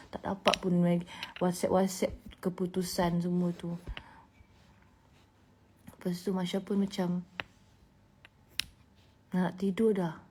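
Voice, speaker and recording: A woman in her thirties with a Malaysian Malay accent, telling a personal story in a vlog, emotional and animated, dropping to hushed whispers and rising to loud bursts. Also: on the low side, slight background noise. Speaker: singer.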